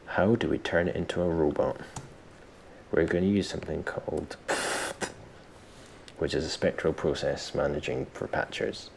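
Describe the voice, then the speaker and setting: Presenting a software tutorial, a man speaks in an extremely low voice thick with gravelly fry, keeping a steady tone and moderate pace. He thinks aloud in an informal, self-deprecating way, and faint background noise runs under the recording.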